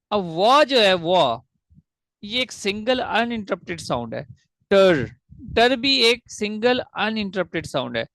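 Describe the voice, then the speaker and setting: A man teaching an online English grammar class, explaining step by step, slowly spelling out syllables and asking the class questions. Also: high voice, gravelly, fairly bright tone, no echo.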